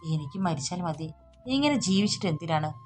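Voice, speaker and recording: Brief: woman reading as a remorseful older mother, broken and halting, low voice, storybook. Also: lively intonation, darkish tone, faint music behind, close to an everyday voice. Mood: sobbing remorse. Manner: broken, pleading, halting repeats. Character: distraught older woman begging forgiveness.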